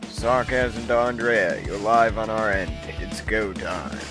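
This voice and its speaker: A man's voice: lowish voice, takes it slowly, music in the background. A man playing a commanding, wisecracking male rebel leader who gives orders to his crew. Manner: commanding, sarcastic.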